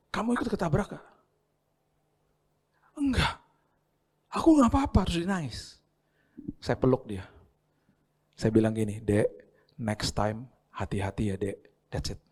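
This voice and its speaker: A middle-aged male pastor giving a conversational sermon, dropping English phrases in and acting out dialogue in sudden high voices. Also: darkish tone. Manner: mixes English phrases into his talk.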